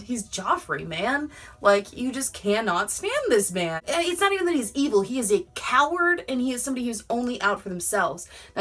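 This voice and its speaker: A woman's voice: mid-range voice, fairly bright tone. Chatty woman recapping a TV episode. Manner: enthusiastic, laughs often, quotes characters in passing. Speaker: YouTube TV reviewer.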